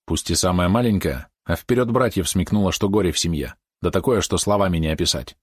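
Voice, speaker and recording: A man reading a historical story aloud in a steady storytelling manner. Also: low-pitched, brisk, husky, dry recording, studio quality. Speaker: narrator. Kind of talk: audiobook narration.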